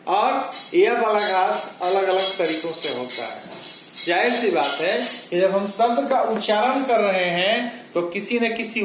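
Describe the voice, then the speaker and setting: A man with a fairly high voice teaches a grammar lesson at an unhurried pace, going over each definition twice. He is recorded in an echoey room with faint noise behind him. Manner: slow, deliberate, repeats definitions for students.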